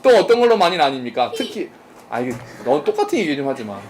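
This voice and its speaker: Lively-voiced pastor preaching conversationally. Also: male voice, fairly high pitch, fast talker, a little hiss or hum. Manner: conversational, asks the congregation questions and jokes. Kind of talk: interactive sermon. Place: church service.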